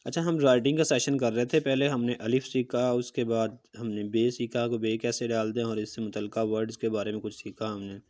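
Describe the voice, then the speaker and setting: Mellow-voiced male calligraphy teacher. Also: medium pitch, level tone, fairly quick, hardly any pauses. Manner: patient step-by-step explaining, often checking in with "okay"; talks while demonstrating strokes with a marker. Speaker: handwriting teacher. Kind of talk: recorded calligraphy lesson.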